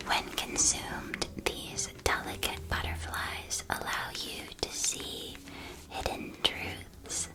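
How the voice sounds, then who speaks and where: In an ASMR roleplay, a woman plays a kindly candy shopkeeper in a world of witches, chatting through gentle, helpful sales patter. She speaks slowly and acts it only lightly.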